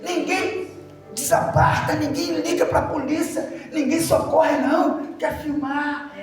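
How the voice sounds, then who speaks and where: High-voiced preaching man in echoey hall. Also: slow, a crowd in the background. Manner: animated storytelling preaching, shouting emphasis, laughs. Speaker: deacon preacher. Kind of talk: sermon. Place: church. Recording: echoey hall from far off with music.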